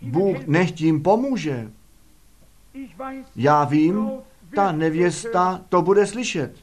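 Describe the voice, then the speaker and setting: A man's voice: on the high side, animated. A man preaching a sermon fervently, firing rhetorical questions at the congregation.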